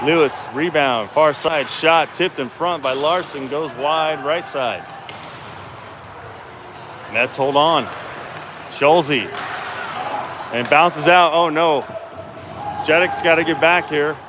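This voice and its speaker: Casting: male amateur-style hockey play-by-play caller, informal, slightly high voice, echoey arena sound with clear background noise. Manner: informal, colloquial, chatty with exclamations. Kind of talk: casual live sports commentary. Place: echoey indoor ice hockey rink. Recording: echoey noisy rink, ambient clatter. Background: clear rink noise and ambience.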